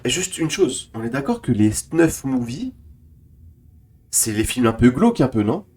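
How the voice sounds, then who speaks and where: A man's voice: mid-range voice, sing-song, moderate pace, a little mellow, slightly rough. A man with a French accent giving casual let's play commentary, thinking aloud and talking to his viewers. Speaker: gamer streamer.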